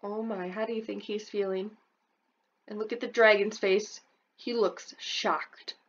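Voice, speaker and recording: The speaker is a preschool teacher sharing a picture book with children, breaking in frequently with questions about the pictures and lifting her voice for each character. She reads at a measured pace with fairly even intonation, on a muffled recording.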